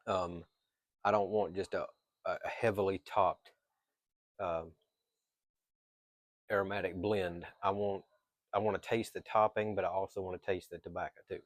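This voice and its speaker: A man giving a casual, unscripted product review as a reviewer, pausing mid-thought and thinking aloud. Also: sits low, steady tone, no echo, clean studio sound. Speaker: pipe tobacco reviewer.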